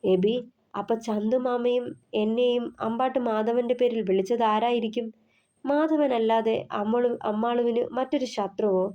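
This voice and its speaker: A woman's voice: fairly high pitch, fairly even intonation, normal speed, lo-fi sound, natural voice. A woman reading the part of an impatient, protective young husband who presses with questions. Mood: shaken.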